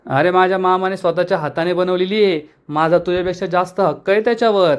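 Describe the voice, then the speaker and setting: A man's voice: high voice, quick pace, smooth, lightly acted. A man voicing a cheeky, carefree young woman who teases those around her, in a serial recap. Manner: teasing and playful.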